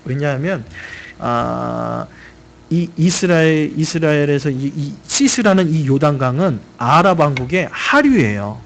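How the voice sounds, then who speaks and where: A man preaching a sermon as a pastor in a church, telling a story in an animated way and often speaking directly to the congregation. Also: fairly high pitch, measured pace, gravelly, a little hiss or hum. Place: church sanctuary.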